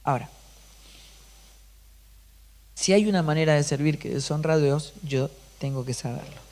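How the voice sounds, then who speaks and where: Guy preaching a sermon, fairly high voice, keeps asking the crowd questions. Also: moderate pace, a little mellow. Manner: rhetorical questions to the congregation, emphatic. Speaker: pastor.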